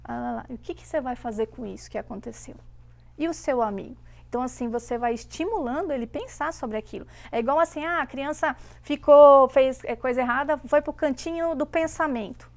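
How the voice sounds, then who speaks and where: A woman in her thirties, chatting casually as a mother and telling stories with lively quoted voices. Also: sits high, fast, gravelly. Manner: animated storytelling with voiced quotes. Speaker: guest mother. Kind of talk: casual chat.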